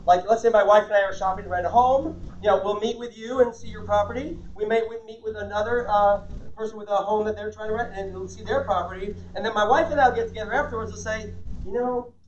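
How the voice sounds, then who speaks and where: A quick-talking man teaches a sales communication seminar with a lively, sing-song inflection and frequent questions to the crowd. He is picked up by a far-off mic, so his voice sounds dull and distant over a faint hum of background noise. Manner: highly inflected, animated delivery; engages audience with questions. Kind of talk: live seminar talk. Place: seminar room with live audience.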